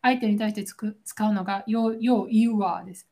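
A woman's voice: medium pitch, steady tone, fairly quick, dark tone, a little hiss or hum. A woman with a Kansai accent chatting casually as a podcast co-host, explaining phrases and laughing often. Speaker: podcast co-host, Japanese teacher. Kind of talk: casual chat.

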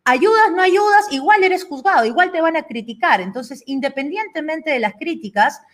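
A woman's voice: sits high, animated, normal speed. A woman hosting an interview, speaking reflectively with tag questions and frequent restarts. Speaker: host. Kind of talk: conversational interview.

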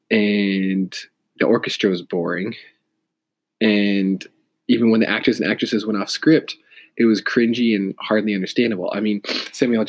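This vlogger, a man with a low-sitting voice, has a stuffy nose from a cold. He rambles hesitantly through a casual monologue, full of fillers and self-corrections.

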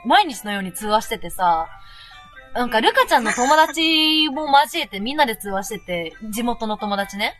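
A young woman co-hosting a casual radio chat, rambling quickly and laughing often. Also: on the high side, big pitch swings, a bit bright, soft background music. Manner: chatty, rapid rambling with frequent laughter. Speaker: co-host.

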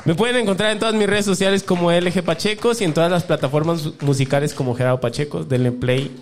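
A man's voice: on the high side, fairly even intonation, fast, a little hiss or hum. A man with a Mexican accent co-hosting a podcast, joking crudely and full of slang. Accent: Mexican Spanish. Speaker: podcast co-host and musician. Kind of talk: casual podcast banter.

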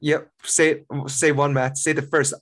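A man's voice: a little high, little pitch movement, a little slow, a bit bright. A man co-hosting a podcast in casual, conversational talk. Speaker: podcast co-host.

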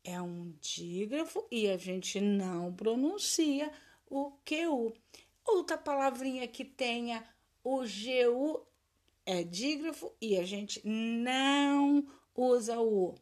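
A woman's voice: a little high, lively intonation, takes it slowly, darkish tone. A woman teacher giving a recorded lesson for children, drilling words in a patient sing-song and praising her pupils.

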